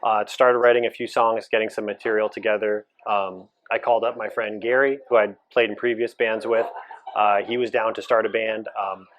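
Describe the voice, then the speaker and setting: Relaxed low-voiced man, rambling. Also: normal speed. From Massachusetts. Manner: relaxed, filler-heavy, rambling. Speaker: band founder, guitarist and singer. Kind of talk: casual interview answers.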